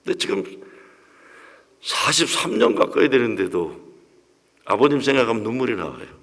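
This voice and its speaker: A man's voice: medium pitch, very animated, normal speed, gravelly, fairly bright tone. A pastor in his sixties telling a personal story in a sermon, with emotional storytelling. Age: 60s. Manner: emotional storytelling, acts out quoted voices. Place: church sanctuary. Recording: long reverb of a church hall.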